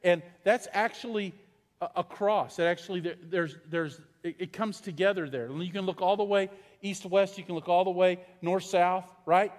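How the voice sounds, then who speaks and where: High-voiced pastor preaching in a reverberant hall. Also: male voice, steady tone, normal speed. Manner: conversational storytelling, asks the congregation questions. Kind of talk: sermon. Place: large church hall. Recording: long reverb in a large church hall.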